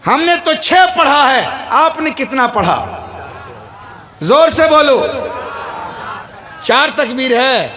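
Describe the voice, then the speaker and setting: A man preaching a fiery religious sermon, shouting and quizzing the crowd in front of him. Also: extremely high pitch, expressive, hardly any pauses. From Bihar, India.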